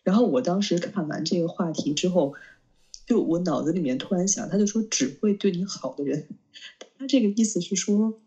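A woman's voice: low voice, mellow. Chatty woman with a rambling, filler-heavy delivery. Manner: rambling, many fillers, quick agreeing. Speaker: podcast co-host. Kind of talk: casual chat.

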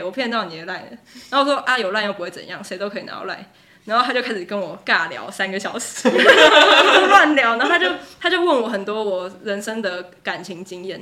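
A young woman with a Taiwanese Mandarin accent talks quickly, telling a story in a chatty, laughing way. Her voice is bright and clear, at a middle pitch. She sounds like a co-host chatting with friends on a podcast. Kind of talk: casual chat.

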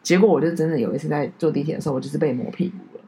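Brief: woman podcast co-host, quick, lowish voice, lively storyteller who sinks quiet at grim moments. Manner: animated storytelling, drops low and soft on heavy moments. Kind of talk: casual chat.

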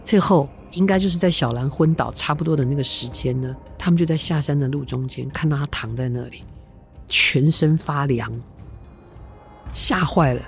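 A middle-aged woman, a podcast host telling a spooky story in a chatty, lively way with asides to her listeners. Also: a bass voice, creaky.

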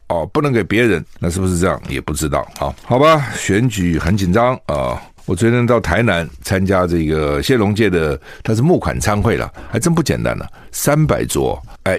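An older man from Taiwan, hosting a solo news commentary show in a chatty, animated way. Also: lowish voice, dry recording, clean studio sound. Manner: chatty, animated, acts out quotes in a raised voice. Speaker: host.

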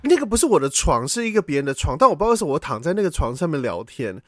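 Male podcast host, animated storyteller, high bouncy voice, rapid delivery. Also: no room sound, clean studio sound. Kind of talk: casual podcast chat, telling a dream.

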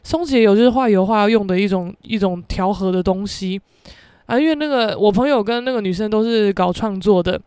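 A woman podcast host, telling a story in a casual, animated, profane way. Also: mid-range voice, a little fast, clean tone, no echo, studio quality. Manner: animated, profane, acts out quoted voices.

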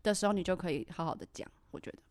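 A woman's voice: on the low side, expressive, very fast, no room sound, studio quality. A woman hosting a podcast in casual chat, laughing often and acting out the reactions she quotes. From Taiwan. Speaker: podcast host.

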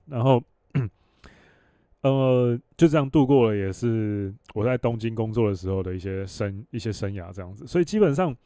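A man's voice: fairly low pitch, expressive, normal speed, mellow, clean tone, no echo, clean studio sound. Blunt, swearing Taiwanese podcast man. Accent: Taiwanese Mandarin. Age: 30s. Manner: blunt, profane, rambling. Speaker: podcast host. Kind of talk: casual solo podcast storytelling.

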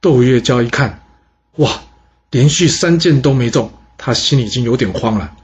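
Husky male storyteller, animated delivery. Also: medium pitch, moderate pace. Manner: lively, animated narration. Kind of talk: history storytelling. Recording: dull lo-fi recording.

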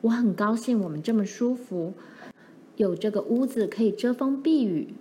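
A woman voicing a pioneer mother who talks in a light, brisk, reassuring way. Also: fairly high pitch, warm tone, slight background noise, lightly acted.

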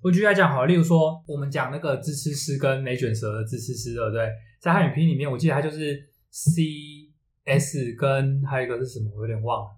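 A man's voice: mid-range voice, quick pace. A man with a Taiwanese accent explaining things in a casual discussion, readily arguing his point. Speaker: podcast co-host. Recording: roomy echo, faint background noise.

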